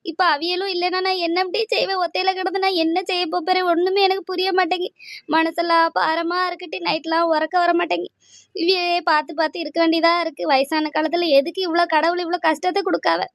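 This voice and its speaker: Woman playing an old cartoon wife, high-pitched, flat, quick, plaintive. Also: dry recording, studio quality. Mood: despairing. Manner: plaintive and weary. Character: elderly grieving wife, fearful and weary.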